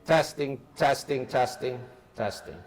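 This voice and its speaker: Here a man with a medium-pitched voice speaks at a measured pace while training staff on an intercom system. His informal, hands-on demonstration goes step by step and keeps circling back to the same phrases. Background hiss and room noise fill the indoor workplace space.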